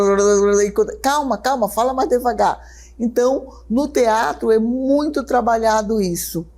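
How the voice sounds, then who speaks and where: Brazilian woman, middle-aged, brisk TV classroom teacher, slightly high voice, keeps asking "right?". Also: dark tone. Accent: Brazilian Portuguese. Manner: talks fast, checks in often with "certo?" and "né?"; slows right down to guide a breathing exercise. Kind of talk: televised classroom lesson.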